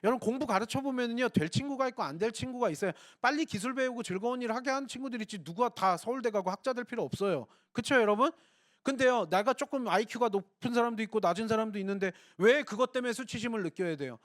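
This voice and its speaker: Male preacher, urgent rapid delivery, rhetorical, dry close mic. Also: very high-pitched, no room sound. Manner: earnest, rhetorical questions to the congregation. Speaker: pastor. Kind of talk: sermon.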